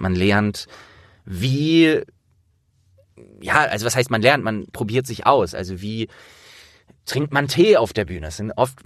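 A man with a low-sitting voice hosts an interview, explaining things informally and thinking aloud as he goes. The audio is studio quality, with no room sound.

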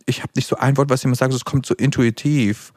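A man's voice: medium pitch, fairly even intonation, fast, darkish tone, no room sound, studio quality. A young man chatting with a friend as a guest, hesitant and thinking aloud with fillers. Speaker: guest YouTuber. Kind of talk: casual chat with a friend.

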